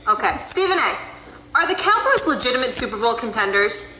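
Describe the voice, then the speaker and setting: Bright brisk female sports show host. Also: a little high, big pitch swings, reverberant, slight background noise. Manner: brisk, teasing. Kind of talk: television sports talk.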